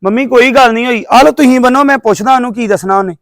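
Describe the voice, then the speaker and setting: A man's voice: very high voice, very fast, no echo, clean studio sound. A man with a Punjabi accent playing an evasive young village son who keeps brushing off his mother's questions. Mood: placating. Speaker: grown son. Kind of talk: village drama acting.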